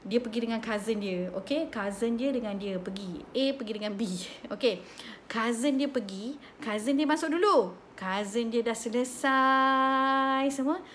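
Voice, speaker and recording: A woman in her thirties with a Malaysian accent, hosting a parenting talk and telling stories in a chatty, animated way. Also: on the high side, measured pace, hardly any pauses, a little hiss or hum. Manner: chatty, code-switching, animated storytelling. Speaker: host of a parenting slot. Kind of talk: casual live chat, storytelling.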